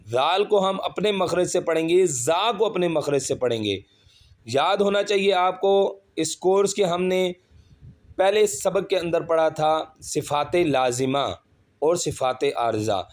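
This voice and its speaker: A male Quran reading teacher with a slightly raised pitch. He works through each letter and vowel mark aloud, one syllable at a time, then blends them into the whole word. Between the drills he explains the pronunciation rules patiently, in a plain lesson style. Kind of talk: slow step-by-step recitation lesson.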